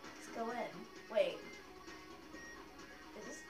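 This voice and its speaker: Giggly high-pitched girl playing a game. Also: drawn-out words. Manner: giggly, excitable, reads game lines aloud. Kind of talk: casual let's-play chat. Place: living room in front of a TV. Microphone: phone camera filming the TV. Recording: echoey room, game music loud behind.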